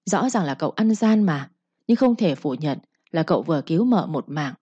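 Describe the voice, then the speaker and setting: Low, husky woman narrator. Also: expressive, normal speed, mellow, dry recording. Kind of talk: scripted storybook narration. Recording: dull, lo-fi, dry.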